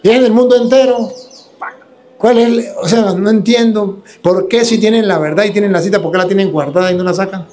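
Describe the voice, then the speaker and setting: A man's voice: high-pitched, fairly quick, a little mellow. A man who is a priest, preaching a combative, mocking sermon.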